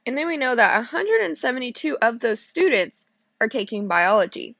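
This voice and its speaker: A woman's voice: on the high side, sing-song, a little fast, vocal fry, fairly bright tone, dry recording, dull audio. A woman teacher walking through probability problems step by step, sleepy and checking in with "okay?" as she goes. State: sleepy, yawning. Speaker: math teacher. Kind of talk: recorded classroom lesson walkthrough.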